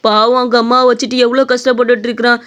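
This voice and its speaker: A woman voicing a generous, kind-hearted young man in an animated story, speaking gently and earnestly. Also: fairly high pitch, quick pace, close to an everyday voice.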